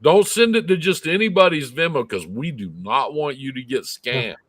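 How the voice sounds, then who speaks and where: A man's voice: on the high side, expressive, moderate pace, no echo. A man co-hosting casual trucker talk in a blunt, sarcastic way, swearing freely.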